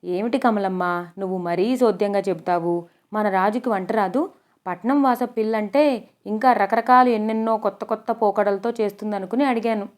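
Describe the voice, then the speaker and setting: This is a blunt older village woman in a read-aloud novel, and she can't stop prying into other people's business, as a woman puts her on. Her pitch sits in the middle range. Her tone is tactless and teasing. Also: moderate pace, natural voice. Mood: scolding.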